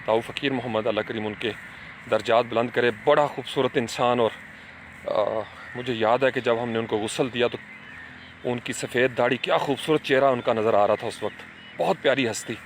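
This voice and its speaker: A man's voice: mid-range voice, a little hiss or hum. A middle-aged man telling childhood stories in an earnest, reflective talk, slipping in English words and speaking straight to his listeners.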